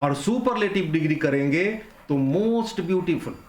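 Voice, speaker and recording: A man's voice: high-pitched, lively intonation, slow, echoey room. A man teaching an online grammar lesson, explaining rules step by step and repeating the key points.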